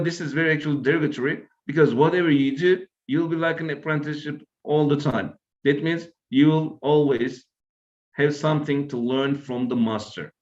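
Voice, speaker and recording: A Turkish man with a Turkish accent delivers an academic lecture in a medium-pitched voice, explaining his points and often checking in with "right?". The recording has its highs cut off.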